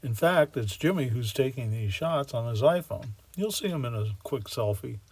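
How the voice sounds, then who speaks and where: A man's voice: medium pitch, animated, normal speed, a little mellow, husky. Folksy, wry male storyteller. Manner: folksy and wry, with casual slang. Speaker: storyteller and model railroad builder. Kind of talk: storytelling narration.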